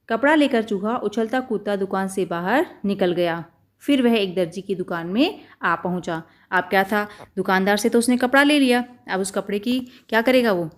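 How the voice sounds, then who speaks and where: A woman teacher reading a children's story aloud and retelling each part in simple, chatty words. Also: medium pitch.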